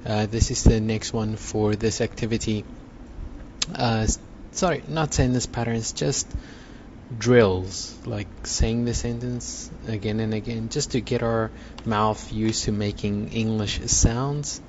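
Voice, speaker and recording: A man teaching an English lesson, talking slowly and patiently through repeat-after-me drills with fillers. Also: on the low side, steady tone, darkish tone, slight background noise. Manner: slow, patient, repetitive coaching with fillers. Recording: slightly dull recording with faint ambience.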